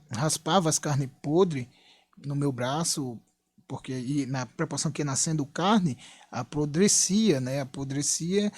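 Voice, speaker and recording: A man's voice: on the high side, dry recording. Earnest Brazilian man telling his testimony. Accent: Brazilian Portuguese. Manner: earnest, repetitive storytelling with frequent "né?". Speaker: church member giving testimony. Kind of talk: personal testimony in church.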